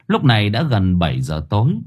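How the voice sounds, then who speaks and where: A man narrating an audiobook story in a dramatic, expressive way. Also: on the low side, brisk. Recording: faint music underneath.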